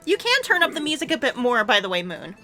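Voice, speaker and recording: Woman gamer, casual banter, bright animated voice over faint music. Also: a little high, fast talker. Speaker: tabletop game player. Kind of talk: casual chat during a game.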